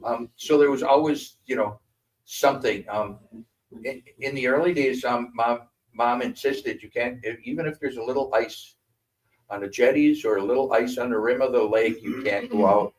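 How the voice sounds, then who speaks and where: A man's voice: mid-range voice, moderate pace. Older man telling stories from afar. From Wisconsin. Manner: animated storyteller acting out quoted voices. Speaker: guest speaker. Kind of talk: storytelling talk. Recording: voice from a distance.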